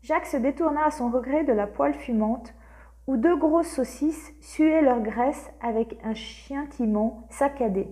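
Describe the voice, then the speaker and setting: High-voiced woman reading a novel. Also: unhurried, dark tone. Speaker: audiobook reader. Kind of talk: literary audiobook narration.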